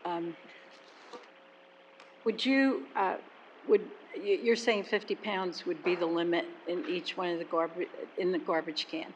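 An older woman speaks into a desk microphone at a council meeting, asking questions in a halting way full of fillers. Her voice sits somewhat low, with faint room ambience behind. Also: steady tone, highs cut off, slight background noise. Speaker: council member.

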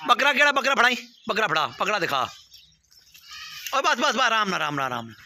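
A man hosting a casual outdoor video and haggling in a brisk, bossy way. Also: sits high, sing-song, sharp tone, a little hiss or hum. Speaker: livestock dealer and video host. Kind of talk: casual on-camera bargaining. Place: outdoor farmyard.

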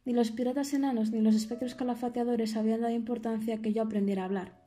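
A woman reading an audiobook, in a measured storytelling manner. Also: on the high side, steady tone, mellow, soft background music. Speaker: audiobook narrator. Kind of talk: scripted audiobook narration.

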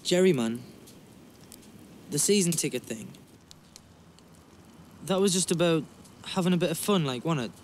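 A man's voice: on the high side, lively intonation, unhurried, pauses often, a little mellow, a little hiss or hum. An actor playing an earnest, defensive young working-class man with a Geordie accent in a naturalistic drama. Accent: Geordie, North East England.

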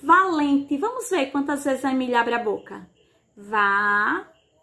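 A primary school teacher with a high, bright voice gives a televised remote class to young children. She speaks slowly in a sing-song manner with lively intonation, using diminutives, stretching out sounds, and asking little questions to keep the kids following.

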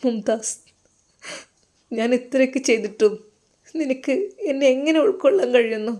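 A woman voicing a gentle, remorseful young man, speaking softly. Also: a little high, moderate pace, natural voice. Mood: tearful.

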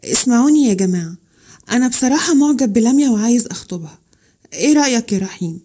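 A woman voicing a direct young man in a story, with an Egyptian accent, speaking a little lower than her usual voice. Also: animated, fast talker, dark tone. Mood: eager. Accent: Egyptian Arabic. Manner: direct and upfront. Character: young man, a cousin, openly proposing.

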